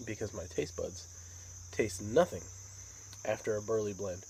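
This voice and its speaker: American male hobby vlogger, lowish voice, unhurried rambling chat, crickets and outdoor noise behind. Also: animated, gravelly, warm tone, poor audio. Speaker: pipe tobacco vlogger. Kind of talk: casual rambling monologue.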